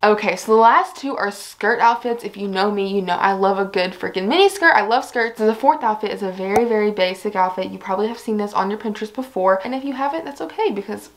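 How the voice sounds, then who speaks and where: A young woman vlogging a fashion try-on speaks fast at a medium pitch, hardly pausing at all. Chatting casually to camera, she comes across bubbly and giggly, a bit out of breath, and full of fillers such as "like" and "I don't know."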